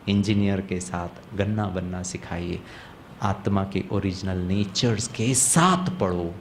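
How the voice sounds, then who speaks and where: A man giving a motivational spiritual class, animated, asking the audience questions and mixing in English phrases. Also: low voice, takes it slowly, a little hiss or hum. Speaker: motivational speaker.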